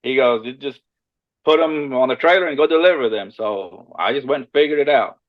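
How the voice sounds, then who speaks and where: A man's voice: medium pitch, brisk. Man, from Costa Rica, podcast guest, easygoing, friendly, restarts words, slightly dull sound. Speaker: shed hauling business owner, podcast guest. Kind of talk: casual interview chat.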